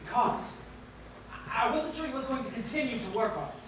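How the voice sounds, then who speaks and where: A woman's voice: fairly high pitch, lively intonation, a little fast, noisy background, lightly acted. A woman playing a pleading, devoted secretary. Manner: pleading, urgent stage delivery. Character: anxious, devoted male secretary to a composer. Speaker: actor. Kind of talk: stage play acting. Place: theatre stage. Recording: echoey theatre, miked from far off.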